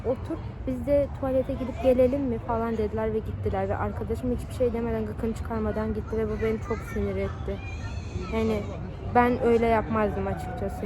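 A young woman vlogging on her phone outdoors and in a cafe, chatting casually and swinging between giddy teasing and low grumbling complaints. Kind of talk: casual vlog chat. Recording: loud background music. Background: music playing.

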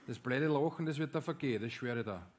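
A man voicing a vengeful male traffic cop with an Austrian accent, speaking in a low, grim, threatening mutter. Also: expressive, fast talker, close to an everyday voice. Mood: menacing.

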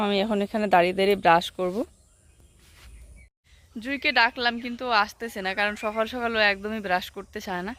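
A woman's voice: mid-range voice, slight background noise. A young woman, chatting casually on her family vlog outdoors in a village, showing things to her viewers. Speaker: family vlogger and mother. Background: birds and animals faintly.

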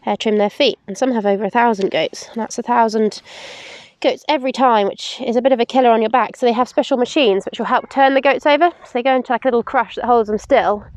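A woman's voice: fairly high pitch, quick pace, a little mellow, dry recording. A young woman in her twenties, a livestock keeper from England, casually explaining goat hoof trimming as she works, with plenty of ums, recorded outdoors and in a large farm barn. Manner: practical, explains while working, frequent "um".

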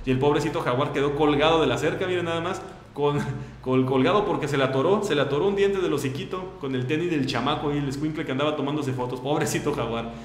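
A man with a Mexican Spanish accent hosts a radio show, joking and chatting quickly in a slightly high voice. The studio sounds echoey, with faint ambience behind him. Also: slight background noise. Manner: chatty, joking, sympathetic asides. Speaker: radio host. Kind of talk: casual radio banter.

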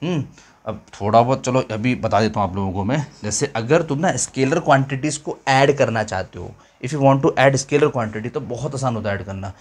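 A chatty male physics teacher explains a basic lesson in casual Hindi mixed with English phrases. He repeats his points and keeps asking the class if they follow. His voice sits at an ordinary middle pitch. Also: normal speed, breathy edge. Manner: chatty, repeats himself, mixes English phrases, calls viewers children.

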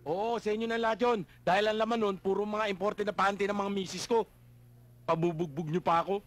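A man's voice: high-pitched, steady tone, fairly quick, close to an everyday voice. A man playing an indignant male bank manager in a slapstick comedy, complaining after a wrongful arrest.

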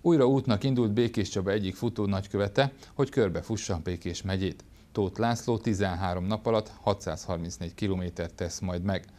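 A man's voice: deep voice, hardly any pauses, dark tone, a little hiss or hum. A middle-aged man presenting a scripted sports programme in a studio.

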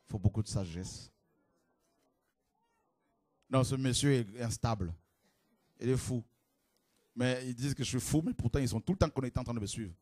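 A man preaching a fiery sermon to a congregation, with shouted exclamations and rhetorical questions. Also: on the high side, no room sound.

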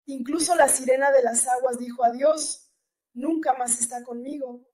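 High, flat-voiced woman giving testimony. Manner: earnest, repeats key phrases. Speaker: church testimony giver. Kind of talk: personal religious testimony.

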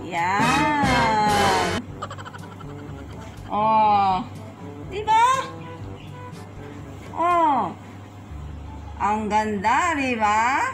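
A woman puts on a playful market seller who pitches in a bright, drawn-out sing-song. Her voice comes muffled through a leaf mask. Music plays clearly behind her. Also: expressive. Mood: showing off. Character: joking market seller hawking goods, playful. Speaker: comedy vlogger. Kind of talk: mock online selling skit.

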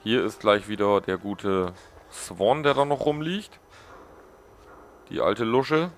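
Male let's play host, gravelly, cracks jokes at the game's characters. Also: lowish voice, slow, slight background noise. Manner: joking, mocking game characters. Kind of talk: casual gameplay commentary.

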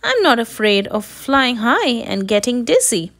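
Lady doing a shy little turtle boy from a picture book, polite, worried, high and slow. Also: sing-song, a bit bright, heavily acted. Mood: polite refusal. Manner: polite, pleading, earnest.

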